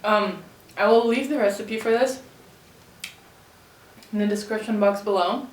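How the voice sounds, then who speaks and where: A woman hosting a mukbang, chatting casually while eating crunchy fried chicken and pausing to chew. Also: mid-range voice. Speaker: mukbang host. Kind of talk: casual eating-show chat. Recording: roomy echo, distant mic, faint noise.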